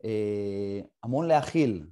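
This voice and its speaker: A middle-aged man hosts a casual conversation. He tells a personal story in a halting way, with short pauses between phrases. His voice has a mellow, darker tone. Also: fairly low pitch, animated, clean tone. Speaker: podcast host.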